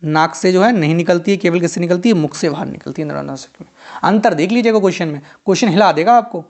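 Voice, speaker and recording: Man, exam-prep teacher, high voice, quick repetitive question-and-answer drilling. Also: a little mellow. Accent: Hindi-belt Indian.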